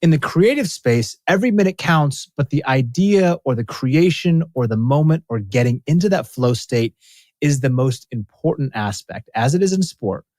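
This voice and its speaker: A man's voice: medium pitch, animated, moderate pace, darkish tone, no echo, studio quality. A man speaking as a podcast guest about his years as a racing athlete, earnest and emphatic, often restarting his sentences. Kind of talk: casual interview conversation.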